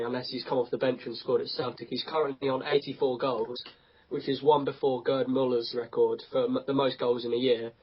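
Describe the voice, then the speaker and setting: A man on a casual football podcast, stating his opinions plainly. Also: mid-range voice. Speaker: podcast contributor. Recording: dull lo-fi podcast audio.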